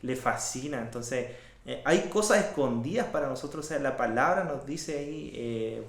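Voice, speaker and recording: Encouraging church man, echoey room. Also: mid-range voice. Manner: warm and encouraging, lots of fillers, reacts with wows. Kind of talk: Bible study conversation.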